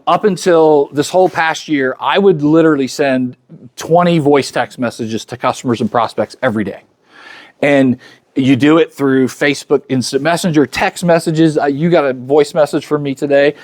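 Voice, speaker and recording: A man in his fifties delivers a motivational talk to a luncheon crowd, his voice sitting a little higher than most men's. He talks to the room in a loose, chatty way and slips into the voices of the people he quotes. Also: moderate pace. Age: 50s. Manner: conversational, acts out quoted dialogue; chatty, speaks directly to the crowd. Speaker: luncheon speaker.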